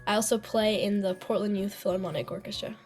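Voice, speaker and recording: A woman's voice: medium pitch, fairly even intonation, quick pace, darkish tone, faint music behind. Teenage American girl, earnest interview guest, mid-range voice. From United States. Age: teens. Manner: earnest, partly prepared-sounding answers. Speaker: young composer guest. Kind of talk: interview answers.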